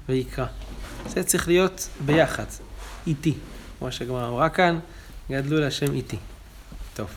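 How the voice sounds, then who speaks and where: A man's voice: a little high, slight background noise. Man teaching a Talmud page. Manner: explains texts, chanting quotations louder. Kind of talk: daily Talmud class.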